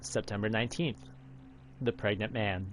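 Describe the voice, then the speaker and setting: A man in his thirties from Alaska, in the United States, reads a visual novel aloud as dramatic narration, with game music playing behind him. His voice is lowish and steady in tone, moving at a normal speed.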